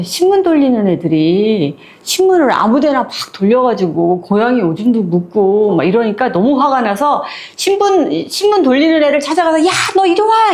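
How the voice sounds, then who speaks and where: A woman casually retelling a short story to her listeners, lively and acting out the characters' lines as she goes. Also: sits high.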